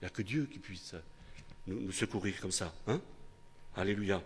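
An older man preaching a sermon with a husky voice, in a chatty style that keeps tossing tag questions to his listeners and restarting phrases. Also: low voice, moderate pace. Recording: long hall reverb.

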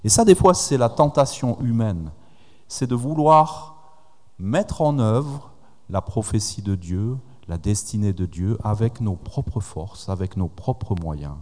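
A lower-voiced man preaching a sermon in a church hall. He retells scripture with quoted dialogue and turns to the congregation with questions, and a long reverb trails after every phrase. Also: animated, slow pace, darkish tone.

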